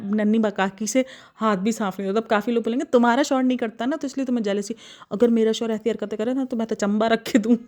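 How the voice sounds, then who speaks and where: A woman reaction vlogger giving casual, gossipy commentary, animated and often exasperated. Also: on the high side.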